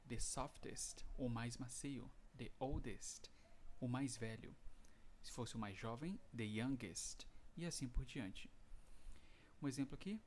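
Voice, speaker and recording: A man with a Brazilian Portuguese accent teaches an English lesson online, reading the English examples aloud slowly. His voice is mid-range with a darkish tone, and there's a little hiss or hum in the recording.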